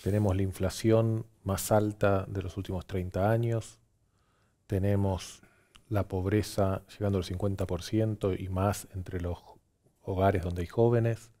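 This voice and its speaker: Man, argentine accent, pollster on tv, fluent analysis, listing points, low voice, dark tone. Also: flat delivery, normal speed. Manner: fluent, lists points one after another. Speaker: pollster guest. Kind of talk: political analysis on TV.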